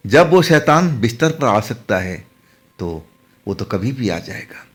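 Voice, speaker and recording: A man narrating a first-person horror story, hushed and dramatic, now and then dropping to a whisper. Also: mid-range voice, sing-song, measured pace.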